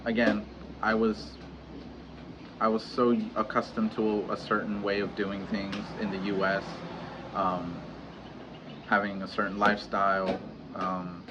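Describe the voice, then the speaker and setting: Halting, soft-spoken man in his thirties. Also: sits low. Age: 30s. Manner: hesitant, halting, many restarts and fillers. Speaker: vlogger. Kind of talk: candid personal vlog talk. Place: home in Mexico. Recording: dull lo-fi audio with clear background noise.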